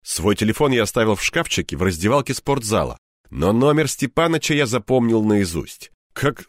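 A man reads a first-person audiobook in a calm, measured manner. His pitch moves in a lively way through the sentences. The sound is dry and close, with no room around it. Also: no echo. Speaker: audiobook narrator.

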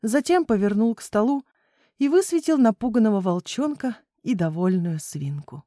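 A woman narrating a children's audiobook in an expressive, measured way. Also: medium pitch, no room sound, studio quality.

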